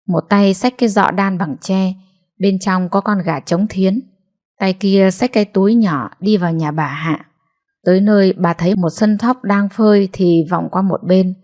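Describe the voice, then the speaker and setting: A woman narrating a family drama in a steady, measured storytelling voice. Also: fairly low pitch.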